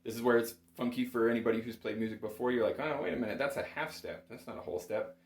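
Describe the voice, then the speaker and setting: Talking fast at a medium pitch, a man coaches someone through bagpipe chanter basics in an informal, step-by-step way. He's encouraging and patient, and the home music room sounds roomy and echoey.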